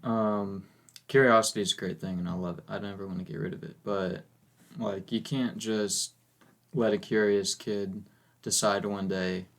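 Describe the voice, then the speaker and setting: A man's voice: on the low side, fairly even intonation, normal speed, a bit bright. A man hosting a podcast, chatting casually in a rambling, musing way with many fillers. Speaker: podcast host. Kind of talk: casual chat.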